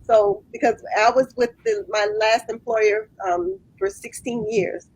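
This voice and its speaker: A woman's voice: on the high side, very animated, measured pace, a little mellow, husky, rough recording. A woman in her late fifties, a guest business owner, earnestly explaining her craft step by step in a casual interview. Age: 50s.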